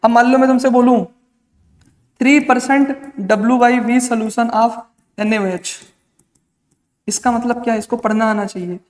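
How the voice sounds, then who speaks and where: A man's voice: extremely high pitch, steady tone, normal speed, long pauses. A male chemistry teacher giving an exam-prep lecture. He asks questions and answers them himself, calls the students "beta", and mixes English terms into his talk. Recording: long reverb, echoey room.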